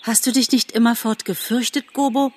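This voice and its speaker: A woman's voice: a little high, fairly even intonation, moderate pace, pitched above the performer's own voice, natural voice. A woman voicing a curious, impatient young doe in a spoken storybook, asking eager questions. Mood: pressing.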